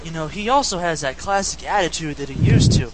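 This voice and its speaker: Lively, higher-voiced man talking games. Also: fairly quick, heavy background noise. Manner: enthusiastic, lively storytelling. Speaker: podcast co-host. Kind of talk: casual game discussion.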